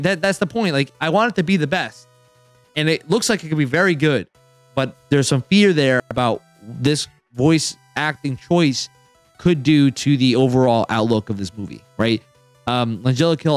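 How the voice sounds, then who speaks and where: Excitable, rambling man hosting a chat. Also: mid-range voice, no echo. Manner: rambling and excitable, full of "like" and "dude". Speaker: podcast host. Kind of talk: casual roundtable chat.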